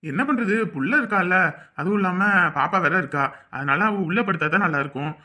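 A woman's voice: lowish voice, fairly quick, pushed and bright. A woman playing a weary, easygoing middle-aged husband and father in a family drama, with a placating manner and a Tamil Nadu accent. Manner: placating and tired.

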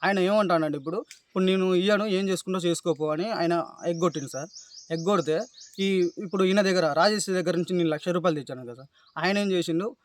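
A man with a Telangana Telugu accent giving distressed, halting testimony in an interview, pleading and repeatedly addressing the listener as sir. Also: sits high. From Telangana, India. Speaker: complainant describing police abuse.

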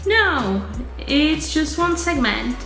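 A woman's voice: high-pitched, very animated, slow pace, fairly bright tone. A young woman chatting casually to camera as a vlogger, blunt and rambling, swearing freely. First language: Hebrew. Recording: echoey room, faint music.

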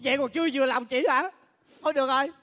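A performer plays a sharp-tongued younger sibling, scolding in a high voice. The reproaches come in quick rushes. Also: fairly even intonation. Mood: indignant. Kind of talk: live stage comedy skit.

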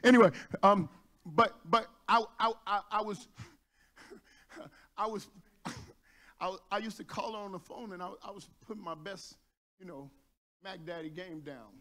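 A male pastor from Texas preaching a sermon, building to shouts at the high points and joking with the congregation. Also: unhurried, pauses often. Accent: Texan. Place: church sanctuary.

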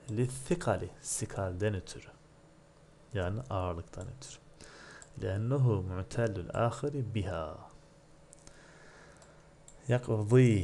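A man's voice: low voice, darkish tone, slight background noise. A man teaching Arabic grammar in a methodical lecture, asking and answering his own questions.

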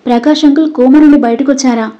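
A woman's voice: a little high, steady tone, brisk, mellow, lo-fi sound, lightly acted. Woman reading Nandu, an emotional young wife. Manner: emotional, pleading and sulky. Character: affectionate, worried young wife.

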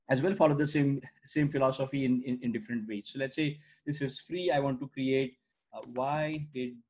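This medium-pitched man, a startup founder from India and native Gujarati speaker, gives a screen-share product demo on a video call. He stays conversational, sprinkling in many "uh" fillers and "right?" tags. He's in an indoor room using the webcam mic.

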